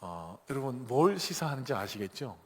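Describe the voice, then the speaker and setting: A man's voice: mid-range voice, sing-song, moderate pace. A man preaching a sermon as a pastor, telling stories with animation and rising to emphatic peaks. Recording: echoey church hall.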